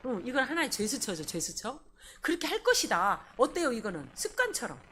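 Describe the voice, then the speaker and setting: A woman pastor preaching a sermon, animated and asking the congregation questions. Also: on the high side, brisk, breathy edge. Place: church service.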